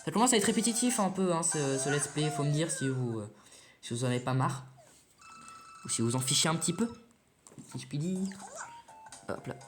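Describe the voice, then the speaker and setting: A man's voice: fairly high pitch, animated, moderate pace, long pauses, faint music behind. Chatty man rambling over gameplay. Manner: chatty and rambling, swears casually, talks to viewers. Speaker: let's play host. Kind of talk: casual gameplay commentary.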